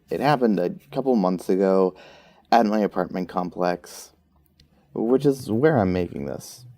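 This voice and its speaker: A young man with a low, gravelly, mellow voice rambles through a funny personal story, poking fun at himself. The recording has no room sound, though music plays behind him.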